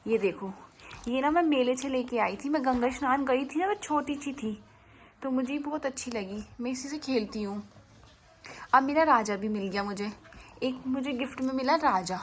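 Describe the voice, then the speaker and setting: A woman's voice: sits high, normal speed, a little hiss or hum, natural voice. A woman voicing a cheerful, chatty baby girl, narrating a vlog in the first person in sweet, sing-song baby talk. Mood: playful.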